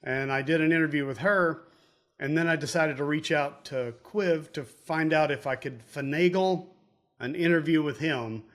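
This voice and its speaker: A man's voice: a little high, normal speed, a bit bright. A man hosting a casual interview, chatty and poking fun at himself. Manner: chatty and self-deprecating. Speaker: host.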